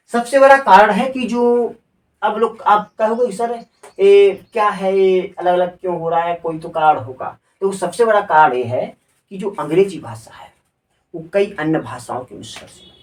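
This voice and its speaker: A man's voice: fairly high pitch, reverberant, far from the mic. Man teaching grammar, off-mic. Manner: spells words out letter by letter and asks rhetorical questions. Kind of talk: classroom lecture.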